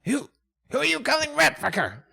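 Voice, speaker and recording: Man voicing a rat creature, high voice, lively, defensive, jumpy. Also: brisk, vocal fry, exaggerated voice. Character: edgy rat creature guarding a mine.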